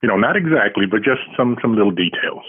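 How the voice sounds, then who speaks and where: Over a tinny line that sounds like a phone, a man being interviewed as an author shares casual, dryly humorous anecdotes at his own expense. His voice is husky, fast, animated and fairly low in pitch.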